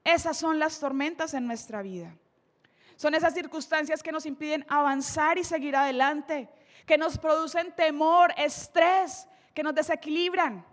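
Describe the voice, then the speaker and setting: A woman's voice: high voice, in a large hall. A woman preacher with a Colombian accent giving an emphatic sermon, dramatically retelling scripture in a church. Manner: emphatic, dramatic storytelling, slows for key lines.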